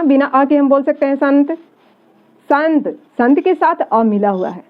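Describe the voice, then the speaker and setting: A woman teaching grammar to children, asking the class questions and answering them herself, and repeating words slowly. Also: high-pitched, dull audio. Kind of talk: classroom-style explanatory lesson.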